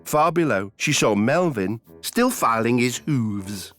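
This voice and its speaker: A woman narrating a children's cartoon in a scripted, expressive storytelling style. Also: rumbling low, takes it slowly, soft background music.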